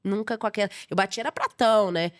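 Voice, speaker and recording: A young adult Brazilian woman with a Brazilian Portuguese accent, a guest chef telling lively, emotional stories in a casual podcast interview. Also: mid-range voice, fast. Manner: lively, emotional storyteller, laughs often.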